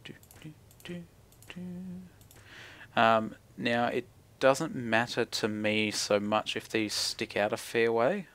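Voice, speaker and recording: A man's voice: on the low side, fairly even intonation, takes it slowly, few pauses, fairly bright tone, slight background noise. A young man with a broad New Zealand accent, thinking aloud casually as he commentates on his gameplay, laid-back and slangy with mumbled asides. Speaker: gaming video creator. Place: indoor room at home.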